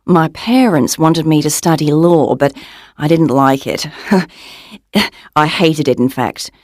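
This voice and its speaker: A woman's voice: low voice, slow pace, a little mellow, no echo, studio quality. A woman voicing a cheerful young Australian gallery owner with an Australian accent, talking in a friendly, chatty way in a scripted coursebook monologue. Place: dry studio booth.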